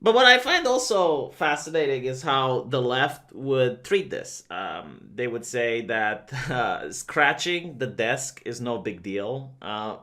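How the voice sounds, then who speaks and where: This video commentator from Romania has a slightly high voice with a sharp tone. He shares strong opinions in a chatty vlog style, filling his speech with plenty of "uh"s and "um"s.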